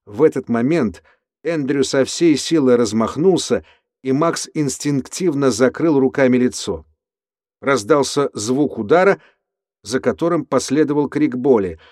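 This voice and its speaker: A man narrating an audiobook in a measured, steady way, recorded on a close mic. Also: mid-range voice, dry recording. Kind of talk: scripted narration.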